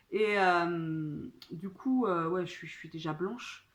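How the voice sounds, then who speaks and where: Speaking slowly in a fairly low voice, a vlogger at home talks to her phone during an unboxing. Her chat is casual and hesitant, packed with fillers.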